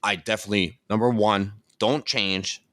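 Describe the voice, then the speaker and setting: A man's voice: lowish voice, fairly even intonation, normal speed, fairly bright tone, no echo, studio quality. A man, a dancer and podcast co-host, chatting casually and thinking aloud with lots of fillers. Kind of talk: casual chat.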